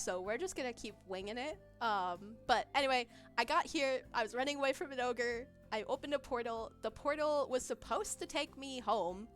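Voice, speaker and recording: This is a casual livestream where a young woman answers her chat in a giggly, meandering way packed with fillers. Her voice is slightly high and fairly bright, and soft music plays behind her.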